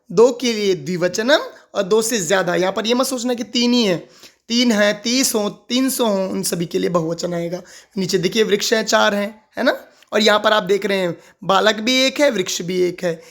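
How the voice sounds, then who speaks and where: A teacher explaining a grammar lesson, asking questions aloud and answering them, repeating each key word several times. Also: mid-range voice. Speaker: Sanskrit teacher.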